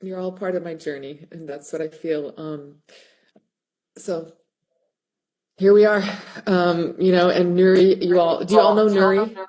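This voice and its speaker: A woman's voice: on the low side, fairly even intonation, unhurried, mellow. A woman teacher on a video call, talking in a rambling, raw and heartfelt way. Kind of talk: emotional casual chat.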